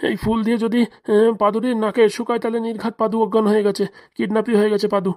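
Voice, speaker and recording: A woman's voice: on the high side, little pitch movement, very fast, dark tone. A woman voicing an elder in a cartoon comedy, with a fretful, scolding manner. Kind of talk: cartoon voice acting.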